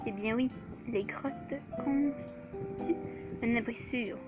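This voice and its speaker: Woman reading old hermit man, kindly, fatherly, slow, fairly high, music behind. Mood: calm, fatherly.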